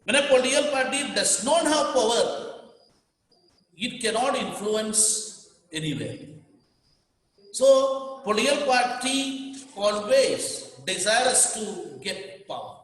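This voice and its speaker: A man's voice: very high voice, lively intonation, takes it slowly, long pauses, fairly bright tone. A man teaching a class, repeating key words and telling students what to underline. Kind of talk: classroom lecture. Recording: echoey room with long reverb.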